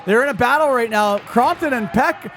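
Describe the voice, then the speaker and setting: A man calling an amateur hockey game play-by-play, energetic and excitable, often restarting his sentences. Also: very high-pitched, normal speed, a little hiss or hum. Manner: energetic, excitable calls with frequent filler restarts. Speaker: play-by-play commentator.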